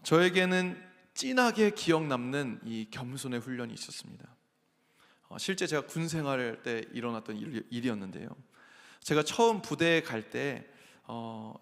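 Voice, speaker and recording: A man's voice: a little high, gravelly. A man in his thirties preaching a sermon, telling a personal story earnestly and acting out quoted lines. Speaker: pastor. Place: large church sanctuary. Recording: echoey sanctuary with long reverb.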